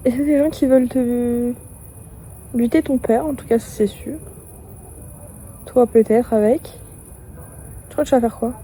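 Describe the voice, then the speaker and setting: A young woman with a slightly high, very dark and mellow voice, reacting aloud to a book she is reading. She talks back to the characters bluntly, in casual slang. Crickets chirp faintly behind her outdoors. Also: a little hiss or hum, rough recording. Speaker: book vlogger.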